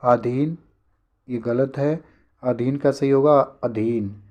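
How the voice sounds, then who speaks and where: A man teaching a spelling lesson for an exam, briskly repeating each word to correct it. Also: medium pitch, fairly even intonation, lo-fi sound.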